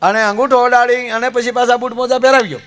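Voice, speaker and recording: A middle-aged man from Gujarat, telling comic village stories in a chatty, lively way. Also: very high-pitched, quick pace. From Gujarat, India. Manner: chatty, animated storyteller who puts on voices of village characters. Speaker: folk comedian. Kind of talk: comic storytelling.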